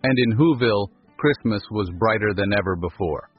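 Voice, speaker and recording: A man narrating a scripted storybook in a calm, measured manner, over a dull recording with faint music. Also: on the low side, slightly rough, dry recording.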